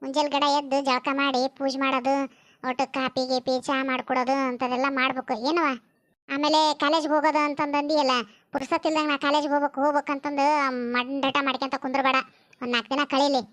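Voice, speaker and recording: A woman's voice: sits high, little pitch movement, fairly quick, fairly bright tone, dry recording. A woman with a North Karnataka Kannada accent, chattily scolding and advising in a village family comedy sketch.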